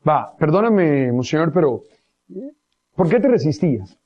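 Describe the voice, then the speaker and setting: High-voiced priest host, lo-fi sound. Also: male voice, very animated, measured pace. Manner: warm, cordial and pastoral. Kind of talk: religious talk show interview.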